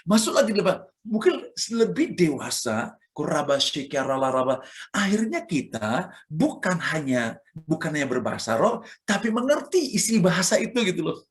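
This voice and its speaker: A man's voice: high voice, wildly swooping pitch, normal speed. A man with an Indonesian accent, a church elder preaching a sermon who acts out sounds and examples as he speaks.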